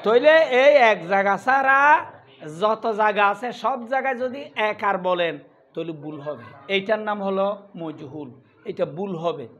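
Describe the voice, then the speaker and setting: A man's voice: high-pitched, normal speed, a bit bright. A male Quran recitation teacher leading a class lesson, repeating drills and asking questions he answers himself. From Bangladesh. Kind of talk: classroom lesson with call and response. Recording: dull lo-fi sound with faint noise.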